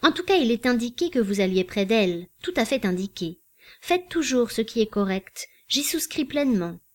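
A woman reading a novel aloud, voicing a composed, courteous and quietly proud gentleman in a measured, formal way. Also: on the high side, big pitch swings. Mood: earnest, polite. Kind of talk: audiobook reading.

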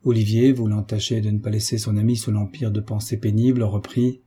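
Male audiobook narrator, very dark and mellow, breathy husky tone. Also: on the low side, level tone, brisk. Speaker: audiobook reader. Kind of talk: novel narration.

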